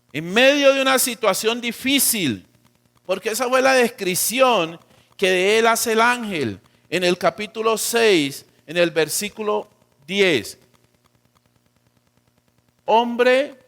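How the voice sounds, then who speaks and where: A man with a Colombian accent preaching a sermon as pastor, swinging between loud emphatic lines and quiet dropped endings, and acting out quoted voices. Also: high-pitched. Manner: acts out quotes of God and of church members.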